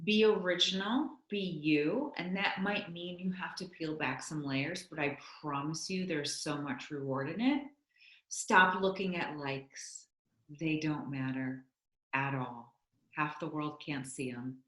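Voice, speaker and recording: A woman's voice: deep voice, a little slow, fairly bright tone. A woman guest on a podcast interview, talking candidly and chattily, with lots of likes. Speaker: guest, content creator. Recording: roomy echo.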